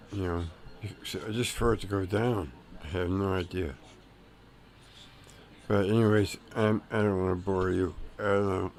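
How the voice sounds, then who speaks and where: A man with a very low, mellow voice hosts an informal live stream. He talks haltingly and loosely, his words a little thick from a swollen tongue. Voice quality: thick-tongued, slightly impeded speech. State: swollen tongue, difficulty talking. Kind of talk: casual live chat sign-off.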